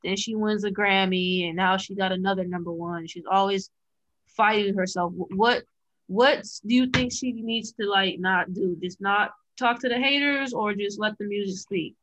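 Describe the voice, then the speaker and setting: A woman's voice: medium pitch, normal speed, fairly bright tone, no room sound, low-quality recording. A woman co-hosting a podcast in casual chat, curious and asking questions. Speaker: podcast co-host.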